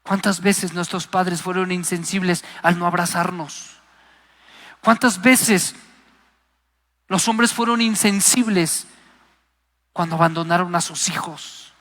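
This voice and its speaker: A man's voice: high voice, fairly even intonation, takes it slowly, long pauses, a bit bright. A man preaching a Pentecostal sermon, passionate and emphatic, acting out the voices he quotes. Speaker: guest preacher. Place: live church service. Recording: long hall reverb.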